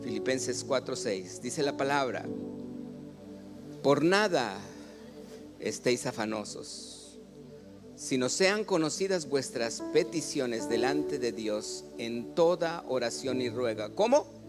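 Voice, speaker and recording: A Mexican man, a pastor, preaching a sermon. He asks the congregation questions, has them read along, and often builds up to loud exclamations. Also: medium pitch, expressive, slow, music in the background.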